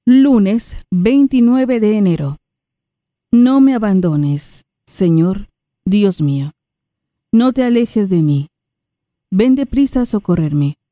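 A woman reading prayers, scripture and a psalm aloud in a measured, reverent way. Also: medium pitch, animated, warm tone, dry recording, studio quality. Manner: measured, reverent, unhurried phrasing. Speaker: liturgical reader. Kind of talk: slow solemn scripture reading.

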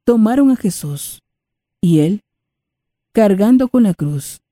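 A woman reading scripture in a slow, measured way. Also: medium pitch, expressive, warm tone, dry recording, studio quality. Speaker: scripture reader.

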